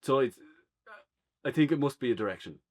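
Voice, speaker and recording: A man's voice: mid-range voice, lively intonation, fairly quick, a little mellow. A man co-hosting a casual film review chat, joking and opinionated.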